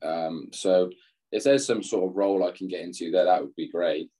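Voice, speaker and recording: A young former footballer from England chats casually as an interview guest, rambling, laughing often, and poking fun at himself. His voice is low and dark, at a moderate pace.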